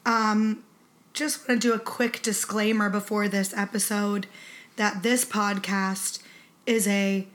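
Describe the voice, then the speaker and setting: A woman's voice: medium pitch, flat delivery, takes it slowly, fairly bright tone. Female casual podcast host, flu-sick voice, conversational delivery. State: sick with flu-like illness affecting her voice. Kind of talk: casual chat.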